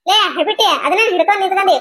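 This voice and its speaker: A woman voicing a sharp-tongued, stingy old mother-in-law in a cartoon, nagging and scolding in a North Karnataka Kannada accent. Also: very high-pitched, racing. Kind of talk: cartoon voice acting.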